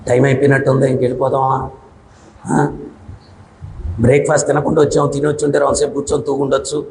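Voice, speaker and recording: Man preaching a devotional talk, loud, keeps asking the crowd hmm?, boomy echoey hall. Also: level tone, quick pace, creaky, slight background noise. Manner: loud, with frequent questioning "hmm?" to the audience. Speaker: spiritual discourse speaker. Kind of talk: devotional sermon.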